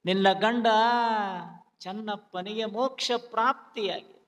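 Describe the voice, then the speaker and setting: A man's voice: high-pitched, measured pace, fairly bright tone, far from the mic, pitched below the performer's own voice. A man as a soothing motherly consoler. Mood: consoling. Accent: North Karnataka Kannada. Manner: soothing, preaching with proverbs. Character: calm motherly woman consoling a widow. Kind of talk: folk drama recitation. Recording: long hall reverb.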